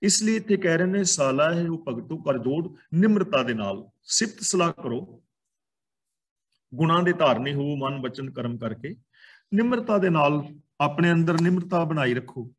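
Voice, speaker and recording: A man with a Punjabi accent teaches from scripture in a measured, explanatory way. His voice sits a little higher than most men's. He breaks his points into short phrases with pauses between them. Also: animated, husky.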